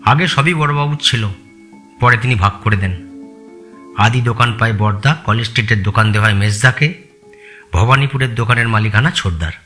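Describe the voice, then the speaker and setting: In an audio story, a man plays a loyal, respectful long-serving employee offering plain, deferential explanations in a respectful, reminiscent mood. His voice is lowish, brisk and sharp-toned, with long pauses, set over a music bed.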